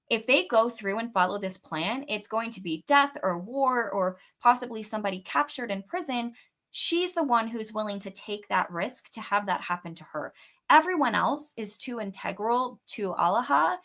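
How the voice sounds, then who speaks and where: A woman's voice: fairly high pitch, fairly bright tone. Chatty woman recapping a novel. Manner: chatty, conversational, occasional swearing. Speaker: book podcast host. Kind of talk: casual book recap and theories.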